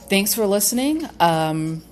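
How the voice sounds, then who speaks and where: A woman giving a casual tarot reading to her viewers, halting and cautious, with many fillers and restarts. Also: mid-range voice, very animated, a little mellow, slight background noise. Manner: cautious, hedging with repeated qualifiers. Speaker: tarot reader.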